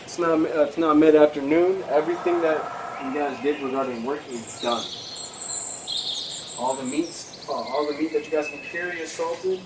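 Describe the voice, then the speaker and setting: A man's voice: fairly high pitch, moderate pace. A man narrating as game master of a tabletop game, casual and teasing. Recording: echoey room, far from mic, noisy background.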